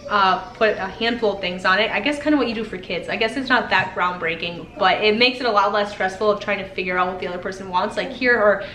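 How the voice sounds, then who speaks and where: Speaking fast with few pauses, a young woman with a medium-pitched, sharp-toned voice records a casual vlog from her home kitchen. She's an upbeat, rambling homestead cooking vlogger, slightly congested from a head cold. Her echoey kitchen carries faint room noise.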